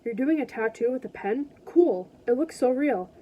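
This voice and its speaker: A woman reading aloud as an eager, friendly popular teenage boy in a storybook, asking quick excited questions. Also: high-pitched, muffled recording, voice pushed up.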